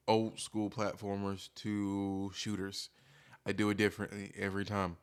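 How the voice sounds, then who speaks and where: Man, fairly low pitch, streamer, casual confessional chat, rambling, hesitant, self-deprecating. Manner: rambling, hesitant, thinking aloud.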